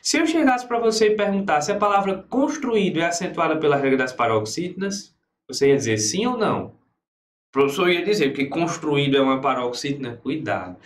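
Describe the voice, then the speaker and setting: A man's voice: a little high, a little fast, echoey room, slight background noise. A Brazilian man teaching grammar for exam prep, who keeps answering his own students' questions. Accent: Brazilian Portuguese. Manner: lively, talks to himself as the student.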